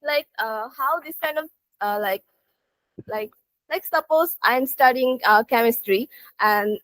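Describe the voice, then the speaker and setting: Woman, student, halting and unsure, dry close sound. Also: sits high, fairly bright tone, no room sound. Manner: hesitant, many fillers and restarts. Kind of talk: speaking test practice.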